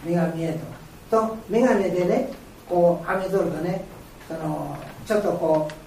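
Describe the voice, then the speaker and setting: The guest speaker is an older blind woman with a lowish, mellow voice at a moderate pace, answering the group's questions. Her informal talk unfolds in short, patiently explained phrases. Audio has heavy room echo, a distant mic, and faint noise.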